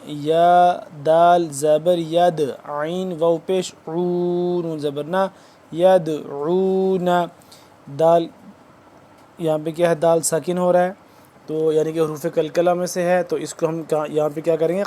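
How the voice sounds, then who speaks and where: Man w pakistani urdu accent teaching quran recitation, fairly high voice but mellow, rattles off letters then chants slow. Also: level tone. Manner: switches between quick explanation and slow drawn-out recitation. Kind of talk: tajweed lesson, spelling out letters.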